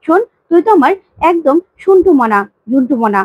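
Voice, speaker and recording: A woman's voice: high-pitched, expressive, brisk, no echo, highs cut off. A woman voicing an emphatic young woman who coaxes and repeats herself. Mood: urgent. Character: pleading, commanding young woman Durga.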